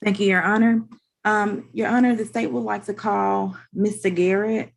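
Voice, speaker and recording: A woman speaking as a state's attorney in a formal, halting, procedural way on a video call. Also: mid-range voice, little pitch movement, gravelly. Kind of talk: formal courtroom questioning.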